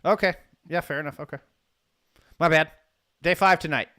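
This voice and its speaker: Man, podcast co-host, slightly high voice, smooth and clear, teasing, casual chat. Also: moderate pace, pushed and bright. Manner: joking, teasing. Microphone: webcam setup at home.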